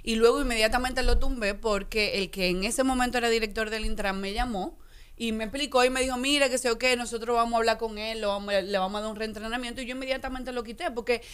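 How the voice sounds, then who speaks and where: Animated Dominican woman on radio. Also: fairly high pitch, quick pace, clean tone. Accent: Dominican Spanish. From Dominican Republic. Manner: animated, emphatic storytelling with lively hand gestures. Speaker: guest. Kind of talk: radio show interview. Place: radio studio. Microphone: studio mic on boom arm.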